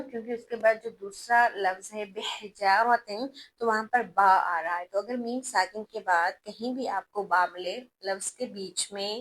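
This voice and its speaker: A woman teaching an online recitation class, who explains step by step, spells out letters slowly and checks that students follow. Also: medium pitch, fairly bright tone, poor audio. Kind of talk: online tajweed lesson.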